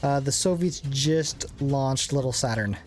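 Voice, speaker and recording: With game music running behind him, a young gaming channel host offers loose, joking commentary on a strategy game and pokes fun at himself along the way. His pitch is medium and his pace a little slow.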